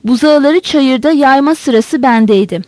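A stammering peasant woman telling of horror through sobs, read by a woman. Her voice sits high, close and dry, with no room around it. She sounds shaken and breathless with fear. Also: measured pace, mellow, no room sound. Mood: frightened. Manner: stammering, sobbing account.

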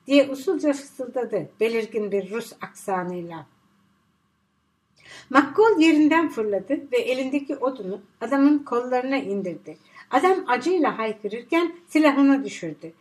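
High, lively woman narrating a thriller. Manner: steady storytelling with vivid action.

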